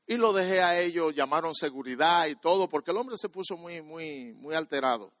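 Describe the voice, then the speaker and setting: Guy preaching, kinda high voice, dry sound, stumbles and repeats words, goes quiet then loud. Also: moderate pace, dry recording. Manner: repeats and restarts words, swings between soft and loud. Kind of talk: sermon with personal story.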